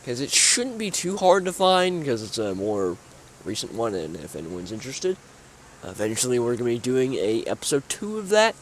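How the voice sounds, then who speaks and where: Very animated at a moderate pace, this young man's medium-pitched voice carries a little hiss or hum. Though sleepy and yawning, he's a gaming YouTuber rambling casually about his own build, with frequent fillers and restarts.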